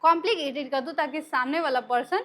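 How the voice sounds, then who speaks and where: A woman's voice: sits high, fast talker, pushed and bright. A woman teaching everyday English phrases, explaining each one patiently with frequent check-ins. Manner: explanatory, repeats "ठीक है" often. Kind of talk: spoken English lesson in Hindi.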